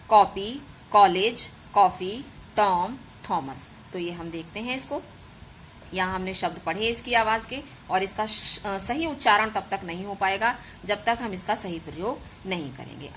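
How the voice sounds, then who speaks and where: A woman's voice: mid-range voice, fairly bright tone, a little hiss or hum, rough recording. Patient woman teacher explaining grammar. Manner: patient, explains step by step, stretches out sounds as examples; addresses pupils as children. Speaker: school teacher. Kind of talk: online Hindi grammar lesson.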